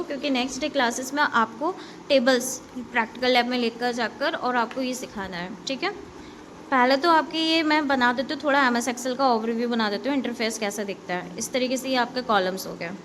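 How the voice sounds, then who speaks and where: Brief: female schoolteacher, high voice, patient and repetitive, explains basics to kids and keeps checking they follow. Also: fairly bright tone, slight background noise. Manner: addresses pupils directly with instructions. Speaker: school computer teacher. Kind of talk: classroom lesson explaining basics to children.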